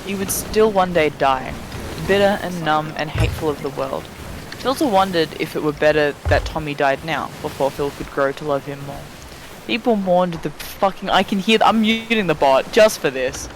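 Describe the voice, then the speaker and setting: On a live-streamed group voice chat, a higher-voiced man gives a dramatic reading of fan fiction at a moderate pace. He's sweary and breaks off mid-sentence for casual asides to friends, over noisy chat and steady background noise.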